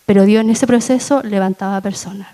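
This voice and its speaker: A woman giving a testimony in a church sermon, telling her story slowly and with feeling, dropping soft and then rising in bursts. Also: steady tone, low-quality recording. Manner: slow, emotional storytelling with soft low passages and sudden raised peaks.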